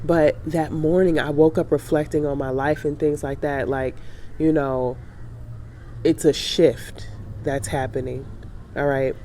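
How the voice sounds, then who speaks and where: A woman in her thirties, a travel vlogger recovering from a sinus cold, chats reflectively to camera in a congested, nasal voice, with plenty of fillers and restarts. Her voice sits low and warm, with fairly even intonation and a measured pace, over slight background noise.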